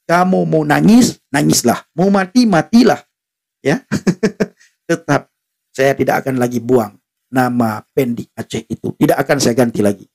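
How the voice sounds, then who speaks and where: A man's voice: sits high, creaky, darkish tone. A man preaching defiantly on a live stream, repeating himself and laughing now and then.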